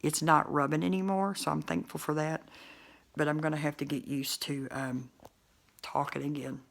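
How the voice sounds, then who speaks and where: Woman, gravelly voice, talks thick through a bulky denture, loose and rambling. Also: sits low, fairly even intonation, normal speed. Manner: rambling, many fillers and restarts. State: speech muffled by a bulky denture. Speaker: vlogger. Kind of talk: casual talk to camera.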